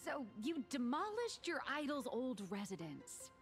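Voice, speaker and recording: A woman's voice: high voice, big pitch swings, unhurried, full character voice. An actress playing a thoughtful female artist in a game, speaking in a wistful, musing way. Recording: game audio with music underneath.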